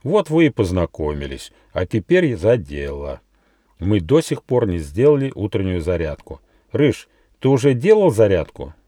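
A man's voice: on the low side, sing-song, moderate pace, dark tone, dry recording, studio quality. A man voicing a kind but fussy little male gnome who lectures about good manners. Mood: cheerful, lecturing. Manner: orderly, lecturing.

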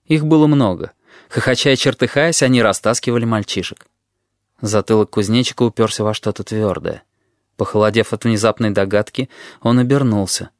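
A man narrating an audiobook in an expressive reading voice, acting out the dialogue. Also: fairly low pitch, a little fast, no echo, studio quality.

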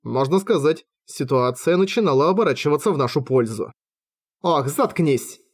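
A man reading a fantasy audiobook in the first person, with lively, wry storytelling. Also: a little high, a little fast. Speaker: audiobook reader.

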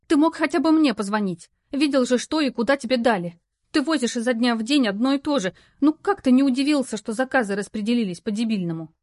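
A woman voicing a stressed young office worker who sounds indignant and pleading, turning shrill when upset. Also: normal speed, no room sound, studio quality, close to an everyday voice. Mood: exasperated.

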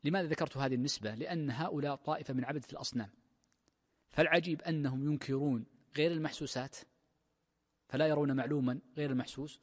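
A man, a sheikh, giving a classical lecture on a text of legal theory, explaining step by step with drawn-out fillers. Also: medium pitch, darkish tone. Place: large mosque hall. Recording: long mosque-hall reverb.

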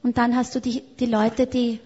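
Lady translating a sermon live, flat steady voice, muffled sound. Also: fairly high pitch, moderate pace, slightly rough. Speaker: interpreter. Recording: echoey hall, dull sound.

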